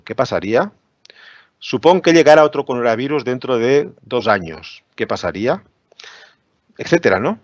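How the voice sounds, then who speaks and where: A man's voice: medium pitch, no room sound. A man giving an academic lecture on education with slides, explaining patiently and often asking "¿no?" to check that listeners follow. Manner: explanatory, many "¿no?" tag questions. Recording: dry, dull lo-fi webinar audio.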